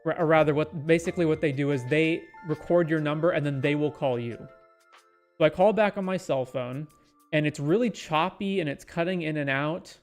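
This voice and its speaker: A man tells a rambling, exasperated story about his errands. His voice sits a little high for a man, and soft music plays underneath. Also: moderate pace. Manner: exasperated, rambling anecdote with quoted asides. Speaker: streamer telling a story. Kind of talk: casual storytelling.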